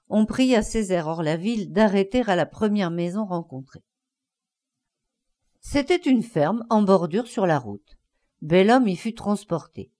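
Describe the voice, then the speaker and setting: A woman narrating a classic story, expressive and acting out the scenes. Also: mid-range voice. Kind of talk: storybook reading.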